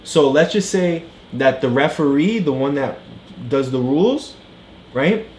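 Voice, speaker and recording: A parent tutoring a child through a book speaks a little slowly in a darkish medium-pitched voice with lively intonation. The casual read-along is patient and full of comprehension checks, and the echoey recording carries a little hiss or hum.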